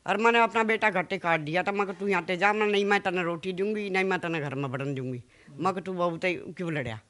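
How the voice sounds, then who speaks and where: The speaker is a woman, the interviewee's mother, whose lowish, fairly bright voice carries a Haryanvi accent. On local news she rushes through a pleading, emotional retelling of a family fight, quoting much of what each side said.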